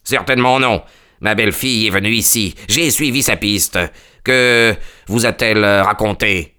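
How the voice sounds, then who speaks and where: A towering old country doctor with a forceful, hard-edged voice, barking threats and bullying everyone in the room, as a man puts him on. Low in pitch and quick to shout, he is pure menace in this storybook reading. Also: smooth. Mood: menacing.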